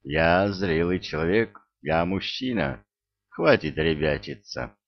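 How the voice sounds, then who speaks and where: A man reading the part of a composed mature detective who speaks calmly and firmly. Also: low-pitched, slow pace, gravelly, muffled recording, exaggerated voice. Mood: firm reassuring. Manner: calm, firm, reassuring.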